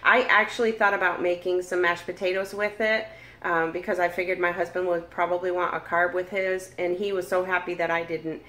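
Speaking fairly quickly in a lowish, steady, pushed and bright voice, a woman in her forties talks viewers through cooking and tasting a meal at home. This chatty vlogger addresses the audience directly, recorded by an arm's-length camera mic in an echoey kitchen with food sizzling.

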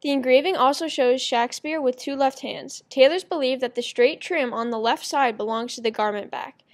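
A woman's voice: high-pitched, moderate pace. A woman narrating a school project presentation, reading evenly from a script. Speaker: student presenter.

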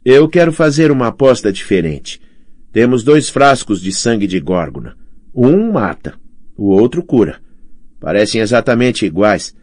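Guy reading a gutsy young hero, firm, straight to the point, lively delivery, dry close sound. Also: mid-range voice, moderate pace, no echo, pitched above the performer's own voice. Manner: firm, matter-of-fact, bargaining. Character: bold young male demigod hero. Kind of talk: audiobook character voice.

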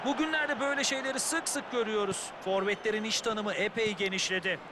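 A man's voice: high-pitched, quick pace, lightly acted. A man as a chatty football pundit in a video game, giving wry, conversational analysis. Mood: engaged, analytical. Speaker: football co-commentator. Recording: stadium noise behind.

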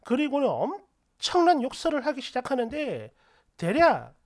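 A woman's voice: high-pitched, huge pitch swings, normal speed, darkish tone. A woman narrating a family story in a chatty, indignant way.

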